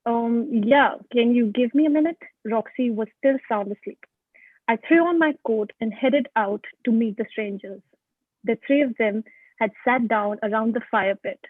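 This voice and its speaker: A woman's voice: on the high side, moderate pace, no echo. A woman reading a horror story aloud for a book club, stumbling and restarting now and then. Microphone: video call. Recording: tinny phone-like call audio.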